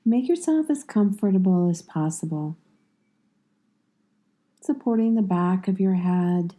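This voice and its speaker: Speaking in a mid-range voice, a yoga nidra instructor leads a guided meditation with soothing, calm directions, pacing her phrases and leaving long pauses.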